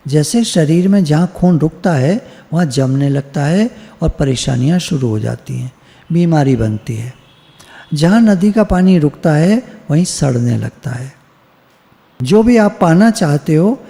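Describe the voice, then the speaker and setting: A man's voice: on the high side, gravelly, dark tone. A man around sixty, a spiritual teacher, giving an informal devotional talk and repeating phrases for emphasis. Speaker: spiritual teacher leading satsang. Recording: long hall-like reverb.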